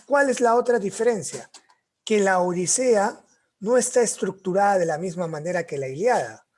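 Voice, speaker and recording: Husky-voiced man teaching literature. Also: high-pitched, darkish tone. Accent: Peruvian Spanish. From Peru. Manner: retells stories with quoted voices, tag questions after most phrases. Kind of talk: classroom lecture.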